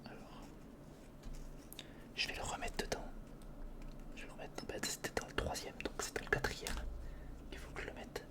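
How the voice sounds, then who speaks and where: Muttering to themselves at a moderate pace, broken by long pauses, an ASMR video creator works with their hands and whispers breathily, with no voicing. Informal slang phrases repeat, captured up close by a studio condenser or handheld recorder.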